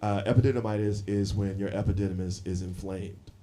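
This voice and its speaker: A man in his forties telling stories in a live stand-up set, animated and laughing often between lines. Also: lowish voice, fairly quick. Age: 40s. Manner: animated storytelling, frequent laughs and fillers. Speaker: stand-up comedian. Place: comedy club stage with audience. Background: audience laughter.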